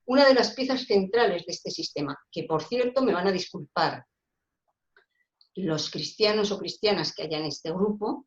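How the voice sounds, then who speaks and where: A woman's voice: fairly low pitch, animated, moderate pace. Lady talking earnestly on a call, keeps restarting her words, echoey room, dull muffled sound. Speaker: guest speaker. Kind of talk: discussion talk on social rights. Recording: roomy, dull lo-fi call audio.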